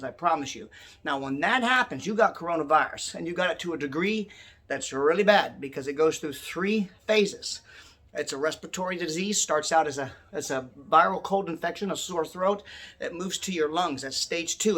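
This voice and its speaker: A man's voice: a little high, a bit bright. A man hosting a personal finance channel, talking casually and earnestly straight to his viewers and calling them "guys", a little winded as he speaks. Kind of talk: casual direct-to-viewer talk.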